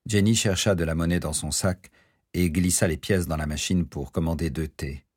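Deep husky male audiobook narrator. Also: moderate pace, a little mellow, no room sound, clean studio sound. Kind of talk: scripted narration.

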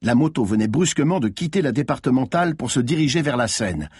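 A man's voice: mid-range voice, animated, fast, darkish tone, husky, dry recording, clean studio sound. A man reading a thriller audiobook aloud with tense, dramatic narration.

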